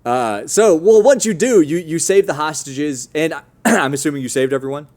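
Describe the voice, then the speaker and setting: Animated man recapping a video game. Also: a little high, moderate pace. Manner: animated storytelling, acts out game characters. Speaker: podcast co-host. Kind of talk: casual gaming podcast chat.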